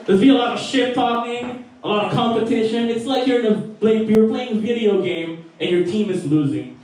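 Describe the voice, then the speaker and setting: A high-pitched, slightly fast, darkish male voice: a young comedian from the Philippines with a Filipino accent, performing profane stand-up and laughing at his own jokes. The set takes place on a small record store stage and is recorded live, roomy and distant.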